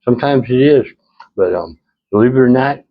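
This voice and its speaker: A man's voice: mid-range voice, expressive, normal speed, dull audio. An older retired man vlogging in a casual, rambling way, telling folksy stories with chuckles and repeated phrases.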